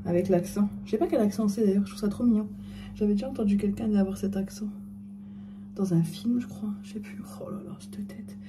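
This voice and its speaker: A woman's voice: mid-range voice, fast talker, noisy background. Chatty self-mocking middle-aged woman. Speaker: vlogger. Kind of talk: casual chatty vlog.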